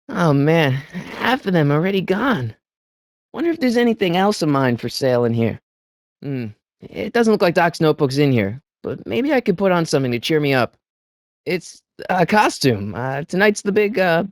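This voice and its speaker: For an adventure video game, a voice actor plays an excitable, good-hearted teenage boy hero with a high-pitched voice that swoops lively up and down. Nervous and evasive, he stammers hesitantly with an incredulous edge. The animated performance is recorded dry, with no echo or room sound.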